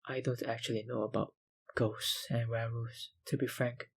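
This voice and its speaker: A man playing an obsessive, menacingly polite vampire researcher in an intimate ASMR roleplay, with deliberate, insinuating phrasing and a breathy voice that often drops to a whisper. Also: medium pitch, flat delivery, slight background noise, lightly acted. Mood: measured confiding. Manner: slow, deliberate, politely insinuating, with sighs and pauses.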